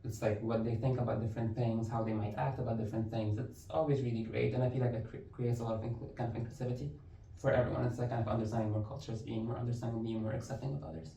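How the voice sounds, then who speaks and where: A man's voice: mid-range voice, flat delivery, rapid-fire, gravelly, warm tone, a little hiss or hum. A young adult man from Lebanon, a university instructor talking as a podcast guest in an easygoing way, leaning on "like" and "it's like". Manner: easygoing, fills speech with "like" and "it's like". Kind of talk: casual interview conversation. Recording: roomy, distant mic.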